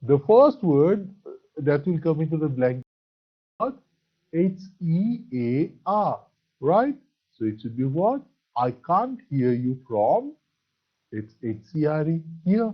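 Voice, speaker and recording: In a dull, lo-fi recording, an Assamese teacher from India runs an English grammar class, spelling words and answering his own questions, with "very good" as his praise. He speaks with a fairly high, breathy voice that swings widely in pitch, at a measured pace with long pauses.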